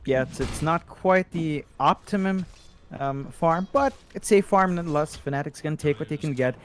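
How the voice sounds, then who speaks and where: A man commentating an esports match, analytical and measured, with some fillers and restarts. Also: a little high, clean tone. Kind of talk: play-by-play commentary.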